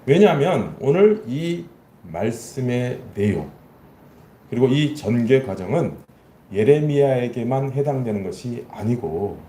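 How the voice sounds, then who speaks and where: A man preaching a Sunday sermon as pastor, animated, asking his congregation questions and acting out lines in a spoken voice. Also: mid-range voice, measured pace, reverberant, slight background noise. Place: church sanctuary.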